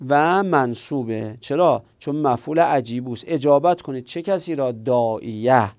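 Gravelly-voiced man teaching grammar. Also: medium pitch, a little mellow, no echo, clean studio sound. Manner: explains step by step, asks and answers his own questions. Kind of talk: classroom grammar lesson.

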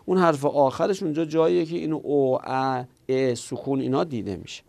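A man's voice: mid-range voice, gravelly, darkish tone. A man teaching Arabic grammar in Persian, working through each rule step by step and asking questions that he answers himself. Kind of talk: explanatory lesson.

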